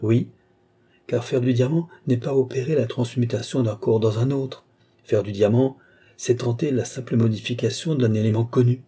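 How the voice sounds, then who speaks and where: A man reading the part of a serene, entranced young woman seer who speaks calmly and softly. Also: medium pitch, normal speed, breathy edge, lightly acted. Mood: assured.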